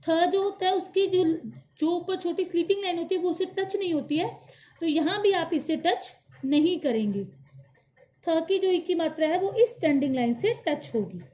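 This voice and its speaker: A woman's voice: very high voice, expressive, moderate pace, dark tone. A woman teaching a children's Hindi alphabet lesson, patiently repeating each syllable aloud for the class to follow. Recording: dull lo-fi recording.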